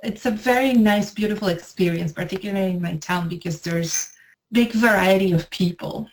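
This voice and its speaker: A woman from Venezuela, an editor and language teacher, speaking in an interview in a clear, measured way. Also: mid-range voice, low-quality recording. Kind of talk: interview self-introduction.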